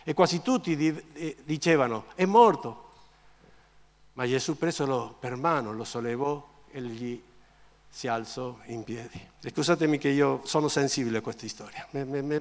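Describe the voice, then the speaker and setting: A man preaching a sermon as pastor, impassioned and repetitive, swinging from loud to quiet. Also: mid-range voice, in a large hall. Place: church.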